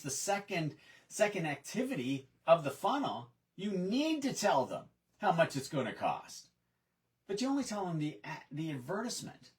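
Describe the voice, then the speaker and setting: A man's voice: a little high, recorded from a distance, low-quality recording. A man giving a sales training talk, telling stories and acting out what customers and trainees said. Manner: animated storyteller, acts out customer and trainee quotes.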